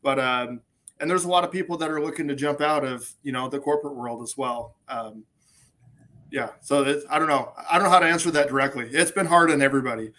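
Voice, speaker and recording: Fast, mid-range and pushed bright, the voice belongs to a forties-aged business consultant chatting casually as an interview guest over a video call. He comes across upbeat and matter-of-fact, recorded on a webcam in an indoor office.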